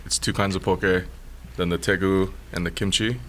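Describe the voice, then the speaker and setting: A man, a podcast guest calmly recommending dishes in a casual chat. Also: low voice, a little hiss or hum. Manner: relaxed, unhurried explaining.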